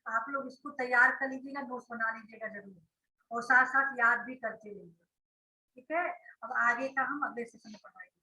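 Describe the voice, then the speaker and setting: A woman's voice: fairly high pitch, fairly even intonation, normal speed, bright, forceful tone, echoey room, low-quality recording. A woman schoolteacher giving an online grammar class, explaining step by step and often checking that her students follow. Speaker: school teacher.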